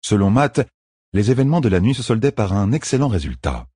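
A man narrates an audiobook in a measured, expressive way. His voice is husky and moves a lot in pitch. It is recorded close and dry. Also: dry recording. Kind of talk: scripted narration.

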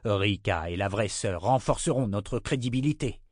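A man as a calm, firm border guard. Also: fairly low pitch, moderate pace, no echo, studio quality. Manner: firm, level, commanding. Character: steady male border guard, calm leader.

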